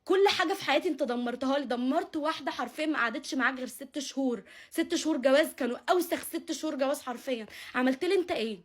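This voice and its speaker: Give me a young Egyptian woman venting to camera in a rapid torrent of words. Her voice sits high, and she repeats lines with heated indignation. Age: young adult. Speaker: vlogger. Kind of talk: angry personal confession to camera.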